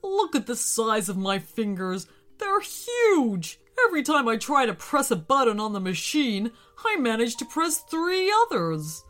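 A woman's voice: on the high side, sing-song, measured pace, hardly any pauses, fairly bright tone. A woman voicing a huge, grumpy but friendly male yeti who grumbles with a folksy, exasperated manner. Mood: frustrated.

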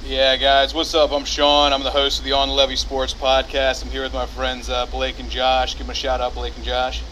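A man's voice: medium pitch, completely flat delivery, moderate pace, sharp tone. A man hosting a sports podcast with casual, slangy banter. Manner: slangy, says dude and man. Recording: faint background noise.

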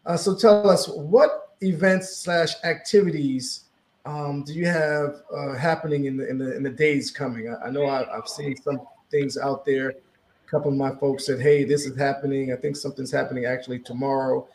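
A man's voice: mid-range voice, steady tone, moderate pace, slight background noise. A man hosting a radio interview, asking long, rambling questions in an upbeat way. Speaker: radio host. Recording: roomy echo.

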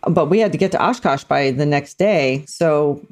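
Middle-aged woman co-host, lively storyteller who puts on voices for quotes. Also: sits low, moderate pace. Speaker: podcast co-host. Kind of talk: casual storytelling chat.

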